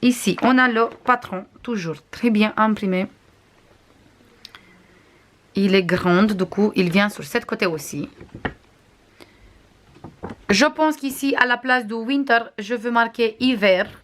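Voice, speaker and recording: A woman's voice: fairly high pitch, slow pace, long pauses, fairly bright tone. Chatty woman with a non-native accent. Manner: chatty, frequent hesitations, shows items to camera. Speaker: crafts vlogger. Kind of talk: casual unboxing review.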